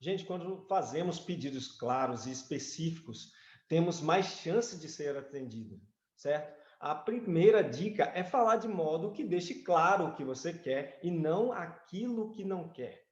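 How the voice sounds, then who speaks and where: A Brazilian man co-hosting a couples mentoring session, calm and agreeable as he reads examples aloud. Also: a little high, unhurried. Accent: Brazilian Portuguese. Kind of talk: reading and commenting in a couples workshop. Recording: echoey room, dull lo-fi sound.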